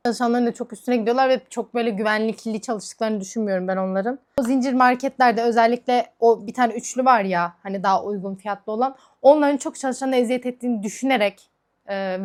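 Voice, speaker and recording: A woman vlogger chatting casually while doing her makeup, ranting in a heated, frank way. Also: a little high. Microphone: camera mic.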